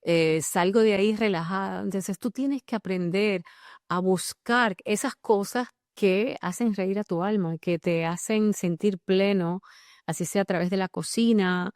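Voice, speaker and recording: A woman's voice: mid-range voice, unhurried, no echo. Enthusiastic Dominican woman, dry close sound. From Dominican Republic. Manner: animated and enthusiastic, with fillers and restarts. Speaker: guest. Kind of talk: casual interview conversation.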